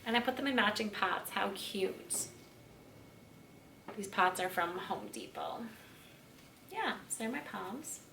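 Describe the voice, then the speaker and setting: A woman's voice: medium pitch, animated, takes it slowly, creaky, long pauses, sharp tone. A woman giving a casual tour of her home, chatting and gushing with lots of fillers. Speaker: plant vlogger. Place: room in her home, indoors. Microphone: camera mic across the room. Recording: roomy and distant with faint ambient noise.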